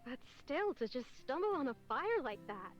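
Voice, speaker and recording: A woman's voice: sits high, sing-song, normal speed, highs cut off, soft background music. An actress playing a sly, motherly woman boss speaking over a radio, dry and slightly weary.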